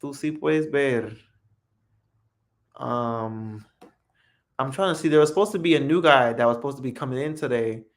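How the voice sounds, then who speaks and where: A man whose first language is English, hosting a casual live practice stream and answering viewers in English and Spanish. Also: mid-range voice. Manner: unhurried, friendly, answers viewer comments.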